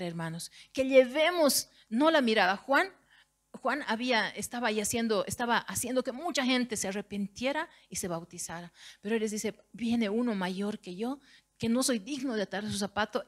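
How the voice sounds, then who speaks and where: Una mujer que predica con acento boliviano, con una voz un poco alta y encendida. En los puntos clave sube la voz casi hasta el grito, como en un sermón de iglesia. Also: female voice, on the high side. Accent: Bolivian Spanish. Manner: fervent, rising to near shouts on key phrases. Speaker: preacher. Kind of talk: sermon. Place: church.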